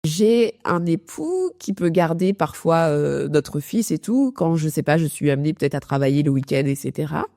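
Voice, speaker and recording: Mellow woman podcaster with a robotic voice artifact. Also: deep voice, no echo, clean studio sound. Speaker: podcast host, productivity coach. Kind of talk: informal solo podcast talk.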